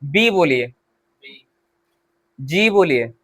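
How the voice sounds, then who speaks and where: A man with a Hindi accent teaching English pronunciation, his voice high and his delivery slow and deliberate. He drills each word repeatedly, asking questions and answering them himself. The sound is dry and close. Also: animated, pushed and bright, dry recording. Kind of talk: spoken English lesson in Hindi.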